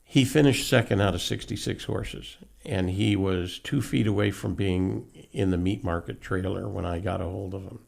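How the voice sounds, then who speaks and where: A man's voice: low-pitched, moderate pace, few pauses, darkish tone. A middle-aged man who runs a horse carriage farm, telling folksy stories about his horses in a casual interview. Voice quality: gravelly. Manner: folksy, anecdotal storyteller.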